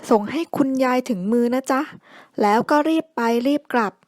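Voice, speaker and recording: A woman voicing a caring mother who gives gentle, firm reminders to her daughter. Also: high voice, moderate pace, no room sound, clean studio sound, lightly acted.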